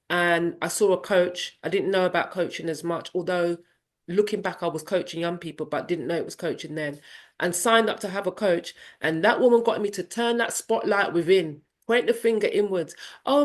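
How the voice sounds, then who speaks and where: Animated woman in her fifties. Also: lowish voice. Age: 50s. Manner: animated, acts out family dialogue in voices; candid and reflective. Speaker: parenting coach guest. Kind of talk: personal storytelling interview.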